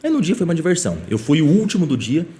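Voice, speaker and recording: Fast-talking man telling a story. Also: on the high side, a little hiss or hum. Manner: lively anecdotal telling, frequent tag questions. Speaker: police chief, podcast guest. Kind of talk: casual interview storytelling.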